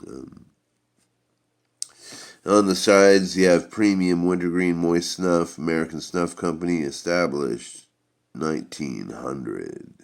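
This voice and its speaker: A man giving a casual product review in a rambling, halting way. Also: low voice.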